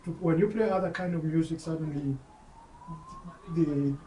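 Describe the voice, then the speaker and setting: A man's voice: fairly high pitch, moderate pace, warm tone, dull audio, a little hiss or hum. A man who works as a DJ, talking in a casual interview, hesitant and often repeating words while he thinks. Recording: roomy sound, voice far from the mic, faint background ambience.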